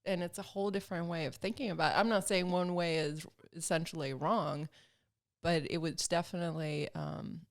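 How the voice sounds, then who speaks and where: A woman in her thirties speaks as a podcast guest, her voice low and roughened by a steady gravelly fry. She talks casually and reflectively, thinking aloud and stopping for small fillers. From Sweden, grew up in Alabama. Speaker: podcast guest, film producer and motorcyclist. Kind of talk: casual conversational interview.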